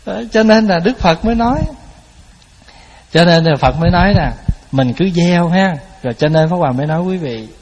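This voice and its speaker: A man's voice: a little high, a little mellow, breathy edge. A man giving a Buddhist dharma talk, telling stories in a folksy way and addressing his listeners directly. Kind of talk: sermon. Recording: hall with long reverb.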